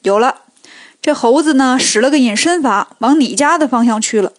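A woman's voice: high voice, expressive, moderate pace. A woman voicing an easygoing male heavenly king in a storybook tale, giving short, obliging replies.

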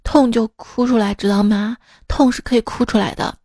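Bright-voiced woman telling comic stories. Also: fairly high pitch, steady tone, normal speed, vocal fry, no room sound, clean studio sound. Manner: chatty, playful, laughs at her own jokes. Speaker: mother telling funny parenting stories. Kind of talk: comic storytelling monologue.

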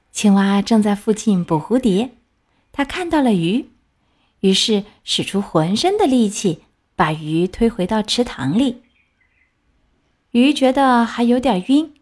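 A woman reading a children's story aloud, gentle and expressive. She takes her time over every phrase, and her voice rises and falls widely. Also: on the high side.

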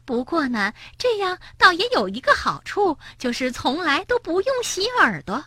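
女声扮演的尖声尖气的小猪苏琪. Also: female voice, sing-song, sharp tone, dry recording, clean studio sound, heavily acted. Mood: mocking. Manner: squeaky, quick, teasing. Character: shrill, pushy, mocking young male piglet.

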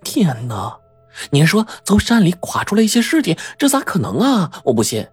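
A man's voice: fairly high pitch, huge pitch swings, a little fast, husky, dry recording, faint music behind, pitched above the performer's own voice, full character voice. A man voicing a cheeky young woman who coaxes and feigns naive surprise. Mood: coaxing.

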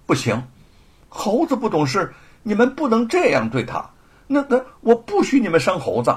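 A male storyteller voicing a gentle but steely young wife and mother, pleading and then firmly standing her ground. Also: sits high, huge pitch swings, normal speed, husky, pitched above the performer's own voice, full character voice. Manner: pleading, then firm and indignant.

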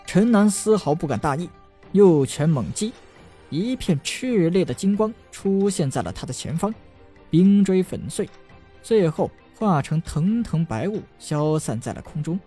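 Guy reading a fantasy audiobook, bit higher voice, faint music in the back. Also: animated, dark tone, husky. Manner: storytelling, drawn-out sentence-final particles. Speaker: audiobook narrator. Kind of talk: scripted fantasy novel narration. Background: faint background music.

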